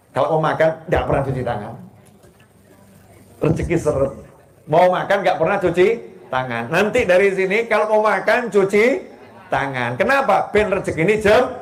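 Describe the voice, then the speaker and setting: High-voiced Javanese preacher in echoey hall. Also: male voice. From Solo, Central Java. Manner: lively, joking with the audience. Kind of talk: religious sermon to a live gathering.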